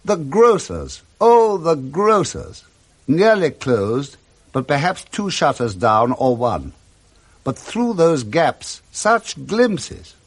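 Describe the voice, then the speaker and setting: Relishing each detail, a man with a British accent gives expressive scripted narration of a classic tale, styled like 1960s radio. He speaks slowly, in a voice on the high side.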